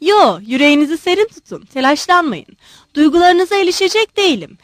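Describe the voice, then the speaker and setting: A woman's voice: very high voice, sing-song, no room sound, studio quality, voice pushed up. A woman reading the part of an agitated, effusive old male general who pleads and bursts out emotionally. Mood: pleading. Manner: pleading, emotional, rushing outbursts.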